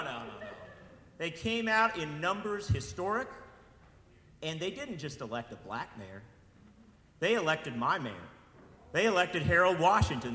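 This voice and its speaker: A man from Wisconsin delivers a rousing political speech, his voice bright and cutting as he drives home repeated appeals. He sits a touch higher than most men. The sound rings through a large hall with a long, echoing tail. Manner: impassioned, rising to shouted repeated appeals. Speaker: speaker at a political event. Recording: echoey hall with long reverb.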